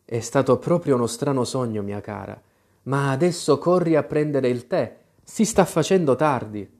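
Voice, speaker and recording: A man voicing a gentle, caring older sister speaking tenderly. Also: mid-range voice, expressive, normal speed.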